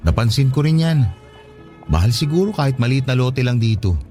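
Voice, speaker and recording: With faint music under the dialogue, a Filipino-accented actor voices a hopeful, reassuring older brother from the province, eager, trusting, and affectionate, in an emotional radio drama. His natural, mellow voice sits mid-range and moves a little fast with lively intonation, swooping and exclamatory.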